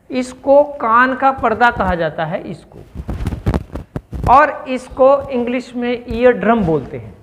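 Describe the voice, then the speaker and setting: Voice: mid-range voice, long reverb tail, noisy background. A teacher giving a step-by-step classroom science explanation and checking in with listeners through questions.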